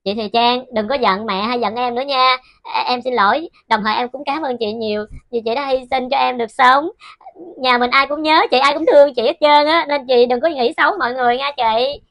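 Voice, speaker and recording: A woman playing a gentle teenage girl, the surviving twin, speaking in a soft, consoling way. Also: high voice, steady tone, brisk, no echo.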